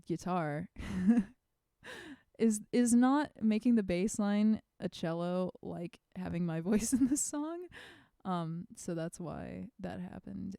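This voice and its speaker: A woman's voice: fairly low pitch, vocal fry, dark tone, no echo, clean studio sound. A young woman hosting her own livestream, talking over a home streaming mic in a meandering, self-effacing way. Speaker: musician streaming her release party. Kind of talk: casual livestream chat.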